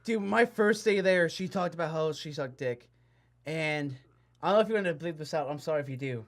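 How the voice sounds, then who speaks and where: A young man chatting casually as a podcast co-host, telling animated stories and laughing often. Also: fairly high pitch, brisk. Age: young adult. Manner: animated storyteller, acts out voices, laughs often. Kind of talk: casual chat.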